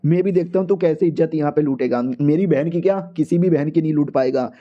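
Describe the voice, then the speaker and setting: A man's voice: fairly high pitch, fast, muffled recording, close to an everyday voice. Cocky crude young hero, as a man puts him on. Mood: taunting. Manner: mocking, swaggering, slangy.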